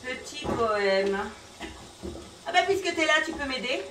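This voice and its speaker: A woman's voice: sits high, racing. A woman on stage reciting a poem in a comic sketch, stumbling over and garbling the words and giggling as she goes. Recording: echoey live room, distant mic, audience.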